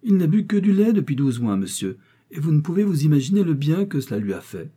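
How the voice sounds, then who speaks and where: A man's voice: fairly high pitch, normal speed, warm tone, slightly rough, pitched above the performer's own voice. A man voicing a gushing, fussy middle-aged mother in an audiobook reading. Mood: anxious pleading. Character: excitable older woman, gushing mother.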